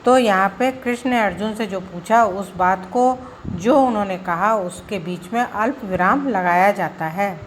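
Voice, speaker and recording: A woman teacher giving a school grammar lesson, explaining slowly and deliberately with examples. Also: medium pitch, a little hiss or hum.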